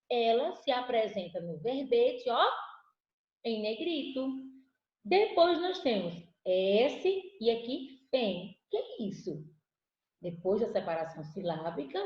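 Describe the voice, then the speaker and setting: A Brazilian Portuguese-speaking woman teaching an online lesson, patiently asking the class questions and answering them herself. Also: on the high side. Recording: echoey room, dull lo-fi audio.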